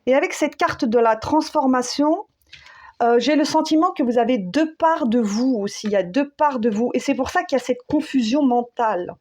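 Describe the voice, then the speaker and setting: Woman tarot reader, slightly high voice; unhurried and halting, talking to listeners as friends. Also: a little mellow. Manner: searching for words, many fillers, addresses listeners as friends; slow, soothing, repeats key phrases. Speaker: tarot and spiritual guidance reader. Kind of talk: spontaneous spoken guidance.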